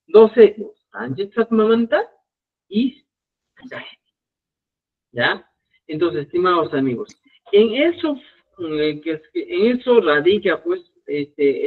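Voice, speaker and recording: Step by step, a man explains Quechua to students in a live lesson and checks in with them as he goes. His voice is on the high side with a breathy edge, and the stream sounds tinny and phone-like.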